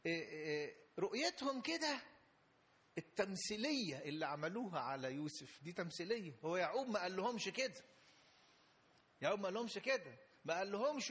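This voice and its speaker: A man's voice: fairly high pitch, a bit bright. A man preaching a sermon with an Egyptian Arabic accent, emphatic and repetitive, building to fervent peaks. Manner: emphatic, repeats phrases, rising fervor.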